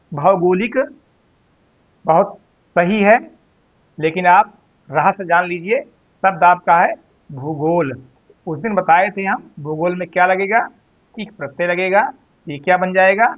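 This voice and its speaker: High-voiced man teaching Hindi slowly. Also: highs cut off. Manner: slow, drawn-out repetition of words, addresses students as "beta". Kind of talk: spelling and grammar lesson.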